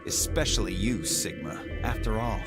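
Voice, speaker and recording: A man's voice: on the low side, moderate pace, lightly acted. An actor playing a smug, scheming young man who taunts in a sly, mocking drawl, in video game voice acting over game music. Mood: taunting. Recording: game audio under music.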